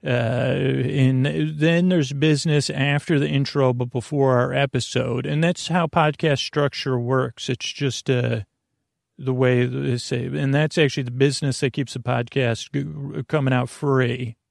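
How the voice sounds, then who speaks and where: This bedtime podcast intro comes from a male host whose voice is mid-pitched, gravelly and creaky, his intonation fairly even. He rambles and stumbles, circling back and drifting off mid-thought, yet sounds calming and reassuring in a tight, dry recording free of room sound.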